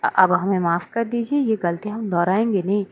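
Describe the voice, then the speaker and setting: A woman's voice: normal speed, muffled recording, slight background noise, lightly acted. A woman voicing a young female police officer who soothes and teases her worried partner. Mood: soothing. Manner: soothing, teasing, low-key.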